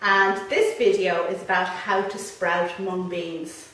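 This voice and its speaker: A woman's voice: fairly low pitch, steady tone, slow, a bit bright. A woman hosting a casual gardening chat, asking friendly, short questions. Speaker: host of a gardening channel. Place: at home in Ireland. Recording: roomy, slightly distant, faint noise.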